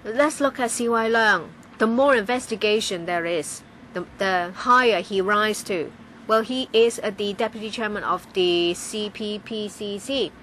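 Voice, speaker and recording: Woman, simultaneous interpreter, halting delivery, frequent restarts, faint background noise. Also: mid-range voice, fairly bright tone, low-quality recording. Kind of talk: live interpretation of a legislative debate.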